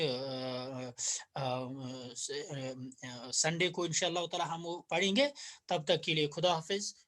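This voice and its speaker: A man's voice: a little high, fairly bright tone. A middle-aged man from India with a Kashmiri accent, a native Urdu speaker, teaching a recorded Arabic grammar lesson and patiently repeating and translating each phrase.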